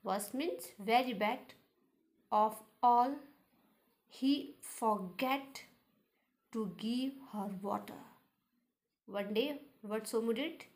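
A woman with an Indian English accent teaches young students from a textbook. She reads in a fairly high voice, very slowly and one word at a time. Then she explains each line again in simple words. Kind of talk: reading aloud and explaining a textbook lesson.

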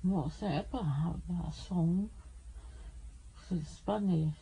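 A woman's voice: lowish voice, takes it slowly, gravelly, mellow, husky, poor audio. A woman talking in her sleep in disjointed, erratic mutterings and outbursts. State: asleep.

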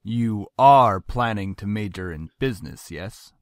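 A man's voice: fairly low pitch, expressive, a little slow, no room sound, studio quality. An actor voicing a stern, controlling middle-aged father who talks coldly and commandingly. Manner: cold, commanding, explodes in anger.

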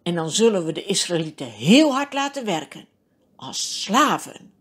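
A stern, scheming king giving urgent orders in a children's storybook, as a woman reading aloud puts him on. The voice is husky, low and slow, and it swings widely in pitch. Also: sing-song. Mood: scheming, commanding. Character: stern scheming Egyptian king, adult man.

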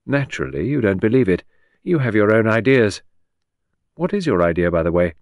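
A man's voice: lowish voice, sing-song, brisk, no echo, studio quality. A man voicing a composed young woman under suspicion, cool and lightly mocking, in an audiobook. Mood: defiant. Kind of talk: audiobook character voice.

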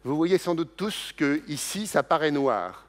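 A middle-aged man giving a public science lecture, joking and lively, with many restarts and asides. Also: on the high side, unhurried. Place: lecture hall.

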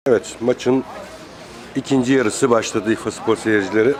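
A man's voice: medium pitch, normal speed. A man giving live football play-by-play in clipped phrases, calling out player names. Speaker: football commentator. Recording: crowd noise, outdoor amateur match. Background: outdoor crowd.

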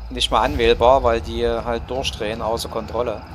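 A man's voice: mid-range voice, flat delivery, moderate pace, background noise. A man hosting a let's play, giving casual game commentary and musing aloud as he talks to his units. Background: game music and battle sounds.

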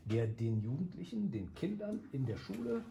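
A man's voice: fairly high pitch, big pitch swings, moderate pace, creaky, warm tone, a little hiss or hum. A man hosting a radio talk, summing up and affirming what his guest has said. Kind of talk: casual chat.

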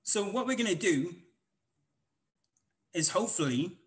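A man's voice: high voice, animated, a little slow, low-quality recording. A man with a Welsh accent giving a casual live coding walkthrough at a conference, rambling with many ums and restarts. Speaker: conference instructor.

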